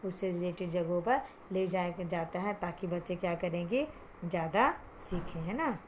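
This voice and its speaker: A woman teaches Hindi vocabulary to children, asking and answering her own questions, mixing in English words, and having the pupils repeat hard words she draws out slowly and carefully. Her voice is lowish, with slight background noise.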